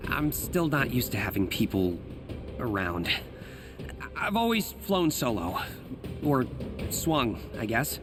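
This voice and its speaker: A man's voice: medium pitch, very animated, takes it slowly, long pauses, music in the background. A man playing an earnest, self-effacing young superhero in a video game, with an American accent and a hesitant, wry, naturalistic delivery. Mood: shy, sincere. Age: young adult.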